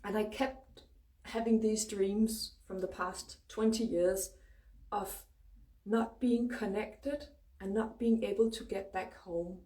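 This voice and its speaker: Danish lady w danish accent chatting spiritual stuff, mellow voice, sweary and informal, echoey room. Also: medium pitch, steady tone. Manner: informal, freely swearing, emphatic pauses. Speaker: spiritual astrology host. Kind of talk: casual spiritual livestream talk. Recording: roomy echo, distant microphone.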